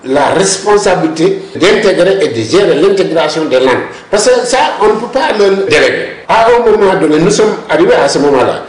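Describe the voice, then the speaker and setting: With a high, lively voice, he talks a little fast with few pauses, while crowd noise sounds behind him. This male language policy expert explains at length in a discussion interview, insisting on his points and cutting in with repeated words. The space echoes noticeably.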